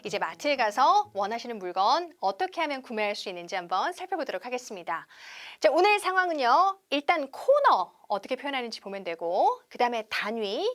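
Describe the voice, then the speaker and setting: High lively woman teaching english phrases, stretches each word out slow so you repeat it. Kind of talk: TV English conversation lesson.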